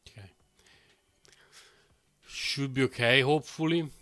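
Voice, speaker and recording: A man's voice: mid-range voice, unhurried, bright, forceful tone. A man chatting casually while live-streaming video games, rambling and often chuckling to himself. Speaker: game streamer.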